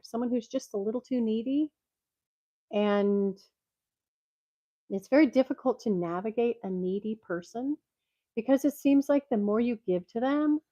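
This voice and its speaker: A woman's voice: fairly high pitch, dark tone, no echo. An older woman chatting at home through a microphone on her glasses, congested and sounding tinny like a tin can, rambling and laughing often. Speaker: vlogger reading jokes. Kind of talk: casual chat. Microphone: microphone clipped to her glasses. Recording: dull lo-fi tinny recording, dry.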